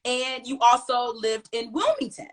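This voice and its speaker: A woman from the US hosting a casual family chat, animated and laughing often as she tells stories. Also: fairly high pitch, a little slow. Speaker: host.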